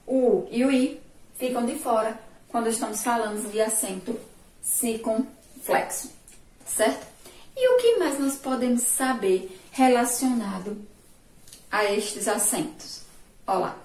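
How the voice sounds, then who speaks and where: A woman teacher with a Sergipe Brazilian accent, giving a remote lesson, stretching syllables slowly and praising her pupils' answers. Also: fairly high pitch, animated, darkish tone. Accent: Sergipe Brazilian Portuguese. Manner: slow, drawn-out syllables, asks pupils questions and praises answers. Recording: echoey room, voice far from mic.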